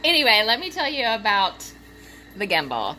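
A young woman vlogging from her room, gushing with excitement, giggling, squealing and filling her talk with "like" and "um". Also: mid-range voice, moderate pace, music in the background. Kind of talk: excited unboxing vlog. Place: home room.

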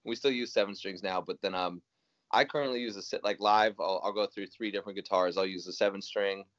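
This young Iowan guest musician chats and rambles on a video call from a small home room, restarting often and using lots of fillers. His fairly low, steady voice runs a little fast with a fairly bright tone, and the webcam recording is muffled with no room sound.

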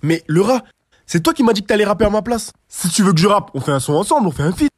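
A man's voice: high voice, very animated, fast talker, no room sound, studio quality. A man playing an exasperated, duped young friend. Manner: exasperated, complaining. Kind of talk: comedy sketch acting.

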